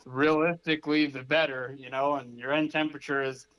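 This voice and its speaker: A man as a guest on a casual call-in interview, relaxed and explaining things plainly. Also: medium pitch, a little fast, low-quality recording.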